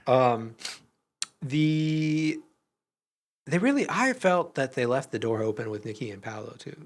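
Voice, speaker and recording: A man's voice: medium pitch, big pitch swings, unhurried. A man co-hosting a podcast, chatting casually, hesitant with many restarts and laughs. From Iowa. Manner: hesitant, restarts often, laughs while talking. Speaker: podcast co-host. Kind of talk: casual chat.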